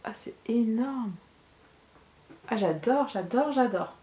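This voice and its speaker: A woman in a casual beauty vlog testing a product, chatty and playful, poking fun at herself, sometimes dropping to a soft murmur. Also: a little high, expressive, slow. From France. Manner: chatty, playful, self-mocking, calls viewers her warriors. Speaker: beauty YouTuber. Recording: echoey room, soft background music.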